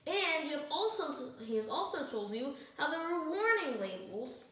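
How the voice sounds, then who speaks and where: A woman's voice: high-pitched, big pitch swings, moderate pace, sharp tone. A woman speaking as a student attorney in a mock trial, giving an earnest, emphatic closing argument. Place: echoey indoor room, recorded from a distance. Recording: very echoey room, distant microphone.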